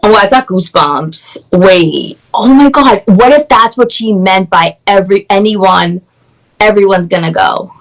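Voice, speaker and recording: Woman, guest, excited gushing chat, video call audio, mid pitch. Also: unhurried, rough recording. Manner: excited, gushing, heavy use of "like". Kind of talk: casual chat.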